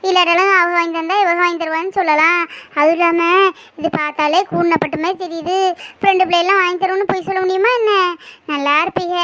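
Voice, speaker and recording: A woman's voice: extremely high pitch, steady tone, sharp tone, dry recording. A woman voicing a shy, tender young village woman in love, pleading and emotional, in a cartoon. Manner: pleading, emotional, quick to tears. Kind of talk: cartoon voice acting. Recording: dull lo-fi recording.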